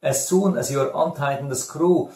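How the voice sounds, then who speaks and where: A man's voice: on the high side, normal speed, creaky, darkish tone. A middle-aged man explaining and demonstrating a product in a casual review to camera, seated at a desk indoors. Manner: explanatory, demonstrating a tool while talking. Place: small indoor room at a desk. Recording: echoey small room.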